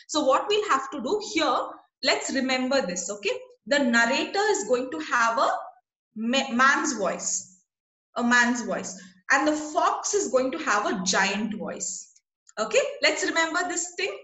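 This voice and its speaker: A woman leads an online class over a video call, patient and checking in often with her students. Her voice is high and bright. It sounds like she's in an echoey room. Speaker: teacher.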